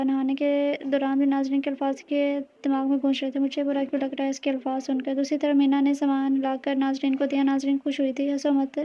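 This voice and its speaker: A woman reading a romance novel aloud in a steady, flat way, with small slips and restarts. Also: sits high. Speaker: audio novel reader. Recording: dull lo-fi recording.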